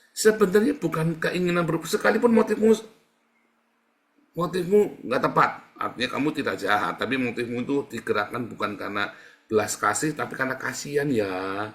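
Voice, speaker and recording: A man's voice: on the low side, fairly bright tone. A man preaching a sermon in a conversational way, asking the congregation questions and answering them himself. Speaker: pastor.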